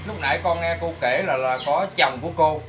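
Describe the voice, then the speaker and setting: Polite quick interviewer. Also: male voice, a little high, a bit bright, slight background noise. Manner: polite, hesitant questioning. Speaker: interviewer, host. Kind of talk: interview questions.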